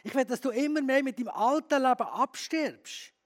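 A steady, corrective voice of Jesus, high for a man and spoken, as a preacher puts him on. He speaks calmly and firmly. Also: moderate pace. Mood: firm, correcting. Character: Jesus, a gently firm man correcting a self-pitying pastor.

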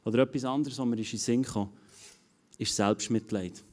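A man's voice: mid-range voice, steady tone, normal speed, a little mellow. A man preaching a sermon, earnest and given to repeating his phrases. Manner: earnest, repeats phrases and restarts, acts out quoted inner voices.

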